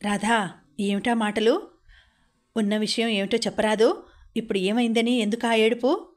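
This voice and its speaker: An exasperated young doctor husband from an audio storybook, firing back indignant questions in an even, flat tone, as a woman reads him. He sounds more hurt and impatient than angry. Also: a little high, normal speed, close to an everyday voice. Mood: puzzled.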